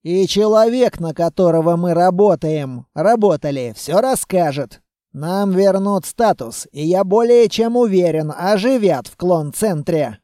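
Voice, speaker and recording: A man voicing a calm, shrewd male ranger who argues and bluffs in an audiobook. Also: sits high, unhurried, dry recording, clean studio sound. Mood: persuasive. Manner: calm and persuasive.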